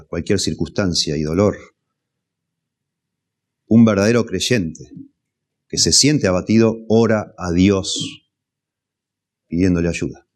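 A man preaching an expository sermon, measured and repeating key phrases for emphasis. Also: lowish voice. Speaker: pastor.

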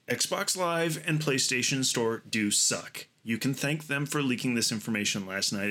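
A man hosting a gaming podcast, talking casually in an animated, ranting and joking way. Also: mid-range voice.

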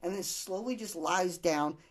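A man's voice: high voice, measured pace. A man from Canada, a podcast guest, telling loose stories in casual chat with lots of swearing and filler words.

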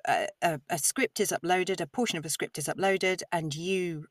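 A woman with a lowish voice talks expansively and with enthusiasm as a podcast guest. She sits a little back from the microphone, and the sound is dry and close, with no room echo. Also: steady tone, normal speed. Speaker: audiobook narrator, guest. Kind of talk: conversational podcast interview. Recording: slightly distant mic, dry sound.

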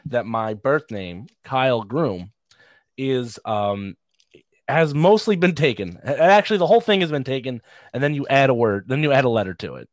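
A man's voice: mid-range voice, animated, moderate pace, dry recording. A man, a comedian, telling rambling, self-deprecating stories in a casual podcast chat. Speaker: comedian guest.

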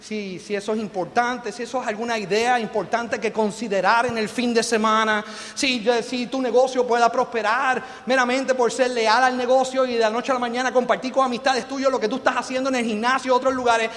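A middle-aged man with a Puerto Rican accent gives an animated, joking motivational business talk and keeps firing questions at the audience. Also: extremely high pitch, brisk. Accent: Puerto Rican Spanish. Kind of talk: live motivational seminar talk. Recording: long hall reverb.

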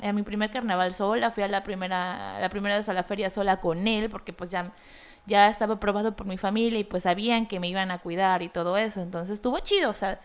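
A young Mexican woman talks about her own life in a relaxed, candid way. Her voice sits a little high, and she fills her talk with everyday fillers and little mock quotes. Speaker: design graduate. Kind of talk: casual personal monologue.

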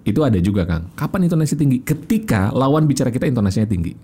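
A man, a guest explaining communication in a casual chat, animated and fond of acting out examples. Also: mid-range voice, racing, breathy edge.

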